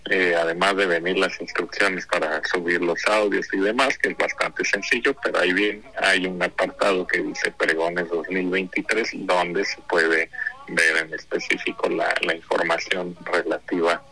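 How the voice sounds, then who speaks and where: A man's voice: low-pitched, flat delivery, normal speed, creaky, pushed and bright, rough recording. A Mexican man speaking as an interview guest, explaining informally and conversationally. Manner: informal, explanatory, frequent tag questions. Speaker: radio guest representing a sound map project.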